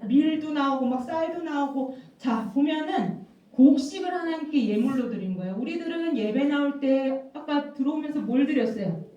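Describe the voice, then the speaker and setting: Woman children's pastor, high and mellow voice, coaxing question-and-answer style; distant mic, dull echoey room. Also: normal speed. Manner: lively, coaxing, asks children questions and repeats key words. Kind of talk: children's sermon with questions to the kids. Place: church worship room.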